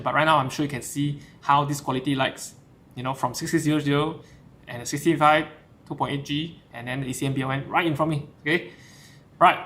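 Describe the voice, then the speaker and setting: Over a camera shotgun mic, a man with a slightly high, somewhat bright voice hosts a live stream and casually walks through his setup. He's chatty, alternating English and Mandarin, with many fillers and false starts.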